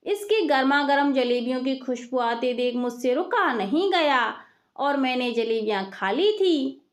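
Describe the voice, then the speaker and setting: Food-loving young bride in a told story, high voice, gushing and pleading, voiced by a woman. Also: animated, measured pace.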